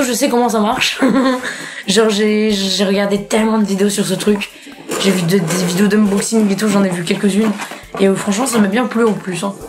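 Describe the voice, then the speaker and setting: A woman in a casual unboxing vlog, chatty and laughing often, swearing freely, with faint music behind her. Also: medium pitch. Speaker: youtuber.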